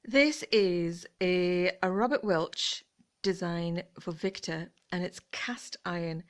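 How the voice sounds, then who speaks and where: A woman's voice: lowish voice, slow pace. A woman chatting casually in a vlog, gushing and now and then dropping into a whisper. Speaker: vlogger. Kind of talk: casual chat.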